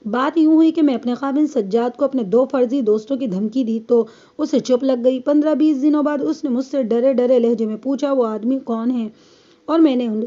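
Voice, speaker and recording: A woman's voice: high-pitched, dark tone, highs cut off, natural voice. A woman voicing a defiant young wife who bluntly tells her story in a police statement, read as an audiobook. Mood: earnest. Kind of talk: audiobook reading.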